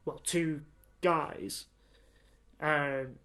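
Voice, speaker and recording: A young man co-hosts a podcast, his high-leaning voice pushed and bright as he talks very slowly. He chats casually and with real enthusiasm, rambling along with plenty of fillers.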